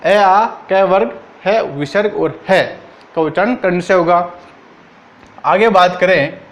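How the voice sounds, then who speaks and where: High-voiced man teaching Hindi grammar. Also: lo-fi sound. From Rajasthan, India. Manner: repeats each point as a question and answers it himself; drawn-out syllables while reciting sounds. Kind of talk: exam-prep Hindi grammar lesson.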